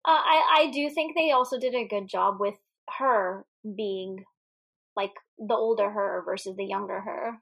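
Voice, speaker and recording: Laughing, animated woman discussing a film. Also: medium pitch, measured pace, creaky, slightly rough. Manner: animated, swears freely, laughs often. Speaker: podcast co-host. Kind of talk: casual movie discussion.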